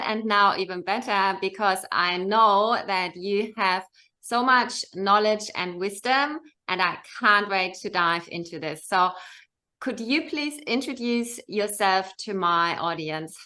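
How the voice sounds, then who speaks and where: Podcast host lady, bright voice, slow and gushing. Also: mid-range voice. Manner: effusive, enthusiastic. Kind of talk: interview hosting.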